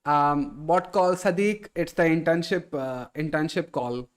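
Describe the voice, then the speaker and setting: A man hosting a casual live stream, reading viewer chat aloud and answering in a relaxed way, often calling people "bro". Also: a little high, unhurried, smooth.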